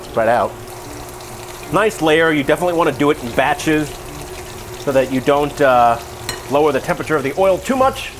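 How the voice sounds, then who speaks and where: A tipsy man hosting a casual cooking tutorial in a loose, jokey way, with mock-formal wording and wry asides. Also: fairly high pitch. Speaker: cooking video host. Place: home kitchen. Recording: sizzling pan and kitchen noise. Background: frying sizzle.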